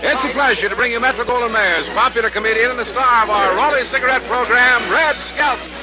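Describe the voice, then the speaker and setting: A man's voice: very high voice, fast. An American man in the formal, declamatory manner of an old radio announcer, reading a scripted broadcast. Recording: muffled 1940s radio recording, music behind.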